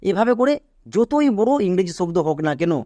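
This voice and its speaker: A pronunciation teacher who spells English words out slowly, letter by letter, in an encouraging online lesson and often checks that learners are following. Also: medium pitch, lively intonation, warm tone, no echo, clean studio sound. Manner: encouraging, asks learners quick check questions.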